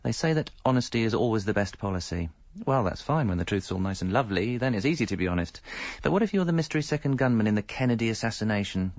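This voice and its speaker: A man with a lowish, lively, fast and slightly mellow voice, recorded dry, plays a hapless, evasive middle-aged English husband and father. As narrator and lead of a radio comedy, he tells the story wryly and confidingly, poking fun at himself through monologue and dialogue. The audio is a bit dull, with music underneath.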